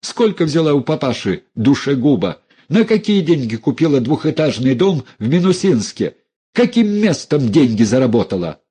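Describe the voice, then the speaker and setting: A man's voice: medium pitch, very animated, moderate pace, warm tone, slightly rough, pitched above the performer's own voice. A man voicing a furious, defiant young woman who hurls scornful accusations at her relatives.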